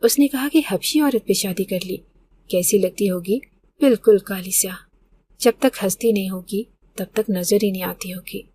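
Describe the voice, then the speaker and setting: A woman's voice: medium pitch, dark tone, slight background noise, natural voice. A woman voicing her young daughter-in-law, who talks in a scornful, sneering way.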